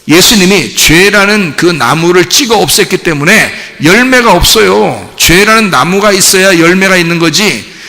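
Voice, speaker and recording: In a church sanctuary, a man's high voice with vocal fry rings out with a long reverb tail. He's a pastor delivering an animated sermon, putting questions to the congregation and performing small scenes in dialogue.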